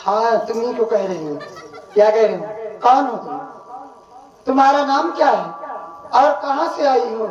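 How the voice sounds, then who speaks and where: A man's voice: extremely high pitch, lively intonation, normal speed, long pauses. A man playing a bossy village mistress. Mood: scolding. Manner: scolding, loud and theatrical. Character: bossy middle-aged village mistress of the house. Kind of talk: folk stage comedy. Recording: echoey, distant, dull stage recording with music.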